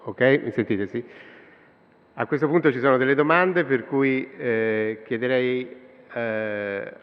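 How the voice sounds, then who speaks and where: A man's voice: mid-range voice, slow pace. A man moderating a conference Q&A, brief and hesitant as he hands over. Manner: checking the mic, brief and hesitant. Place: large conference hall. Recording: dull sound with long hall reverb.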